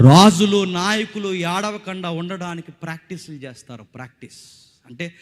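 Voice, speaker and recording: Dramatic preacher with echoing voice. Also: male voice, a little high. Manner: dramatic, swings between loud preaching and hushed tones; repeats phrases for emphasis, asks the crowd questions. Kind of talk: village revival sermon. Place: outdoor village meeting stage.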